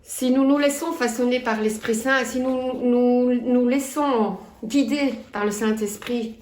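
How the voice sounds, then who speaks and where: A woman in her fifties with a Belgian French accent, preaching a sermon in an earnest, measured way and reading scripture aloud. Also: a little high, fairly even intonation, darkish tone, roomy sound. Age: 50s. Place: church.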